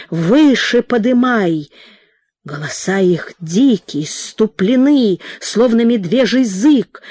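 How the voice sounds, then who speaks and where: A woman narrates a story with measured, dramatic pacing. Her pitch sits in the middle range, and she takes her time over each phrase. The recording is close and dry. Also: dark tone, breathy edge, no room sound. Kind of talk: audiobook reading.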